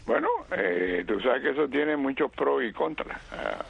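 A man's voice: mid-range voice, expressive, a little slow, gravelly, fairly bright tone, slightly rough, dull audio. A man chatting and joking casually as a radio panelist. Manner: joking, storytelling.

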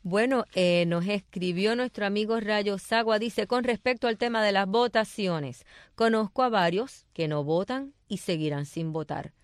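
A woman's voice: medium pitch, normal speed, dry recording, clean studio sound. A woman co-hosting a talk show who murmurs agreement, reads a listener's message, and signs off. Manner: attentive, frequent agreeing murmurs. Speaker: co-host. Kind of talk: casual radio chat.

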